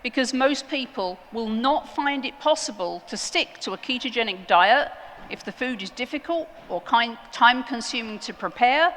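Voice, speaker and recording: A woman giving a prepared conference talk, earnest and emphatic, with deliberate pauses. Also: fairly high pitch, animated, fairly bright tone, slight background noise. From outside the United States. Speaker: conference speaker. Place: large conference hall. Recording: long hall reverb.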